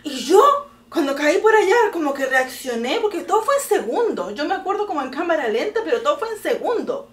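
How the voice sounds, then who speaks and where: A middle-aged Chilean woman tells a story in a high, bright voice, bursting into laughter and exclamations along the way. She sounds a little distant from the mic, in an echoey room. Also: fairly quick. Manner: animated, laughing often, exclamatory. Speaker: podcast host telling a story to her daughter. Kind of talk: casual storytelling chat.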